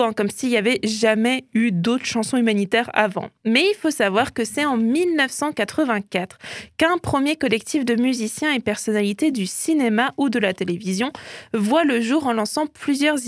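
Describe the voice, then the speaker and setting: A woman's voice: fairly high pitch, no echo, studio quality. A woman hosting a radio show, chatting playfully about pop culture and often adding "hein".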